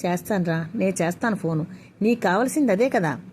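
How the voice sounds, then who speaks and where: A woman's voice: mid-range voice, brisk, a little mellow, slight background noise, lightly acted. A woman voicing a tearful middle-aged mother who pleads and falters as she speaks in a spoken story. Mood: pleading.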